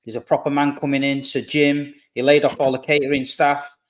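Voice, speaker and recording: A man's voice: mid-range voice, little pitch movement, a little fast. A man ranting sarcastically about football in casual, mocking banter full of slang.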